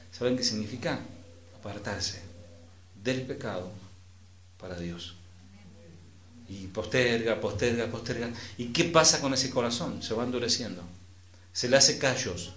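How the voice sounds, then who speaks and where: Preaching a sermon, an Argentine-accented pastor with a mid-range voice alternates loud, emphatic phrases with soft, trailing endings and adds conversational asides to the congregation. The recording is reverberant.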